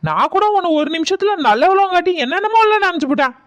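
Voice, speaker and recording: High-voiced scolding woman. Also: very animated, fast talker. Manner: teasing, scolding. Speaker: comedy sketch performer. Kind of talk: village comedy skit acting.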